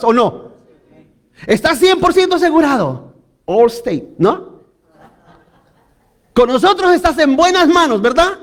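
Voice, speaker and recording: Man, very high voice, sermon, animated, addresses congregation. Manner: animated preaching with frequent audience prompts. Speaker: preacher.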